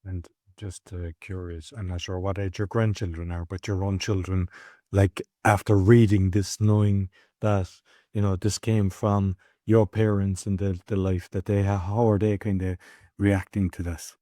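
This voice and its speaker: A man's voice: low-pitched, flat delivery, measured pace, dark tone, no room sound, studio quality. A man hosting a podcast, asking questions in a loose, conversational way with plenty of filler words. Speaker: podcast host. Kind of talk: casual interview chat.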